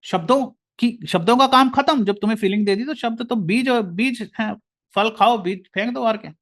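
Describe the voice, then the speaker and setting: A man's voice: high-pitched, moderate pace, a bit bright. A man with an Indian accent giving an earnest lecture, often calling the listener brother. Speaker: motivational speaker.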